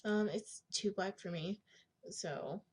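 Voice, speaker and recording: Young woman with a husky smoker's rasp. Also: medium pitch, slow, darkish tone. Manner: informal, slangy, frequent throat clearing. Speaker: digital art tutorial host. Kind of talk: casual screen tutorial, thinking aloud.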